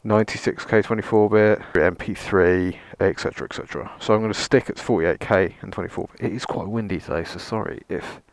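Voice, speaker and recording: A man's voice: fairly low pitch, fairly even intonation, a little fast, hardly any pauses, no room sound. A man presenting a casual vlog gear test in a rambling, self-deprecating way, with dry sarcasm and some mild swearing. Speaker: motovlogger, presenter.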